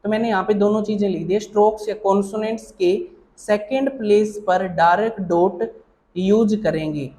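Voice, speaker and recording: Man with a high voice, patient teacher, explains in small steps and keeps checking in with the class. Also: fairly even intonation, warm tone. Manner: explains slowly, often checking with "theek hai na". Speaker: shorthand teacher. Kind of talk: online classroom lesson.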